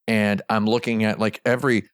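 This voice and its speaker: A man's voice: lowish voice, flat delivery, a little fast, smooth, no echo, clean studio sound. A man in his forties co-hosting a podcast in casual chat, rambling and jokey with long digressions. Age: 40s. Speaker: podcast co-host.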